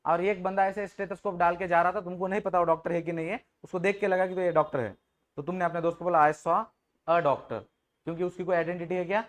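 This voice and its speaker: A man's voice: sits high, level tone, very fast. A man teaching an English grammar class in Hindi, joking with students and often checking if they understood. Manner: jokes with the class, informal and teasing.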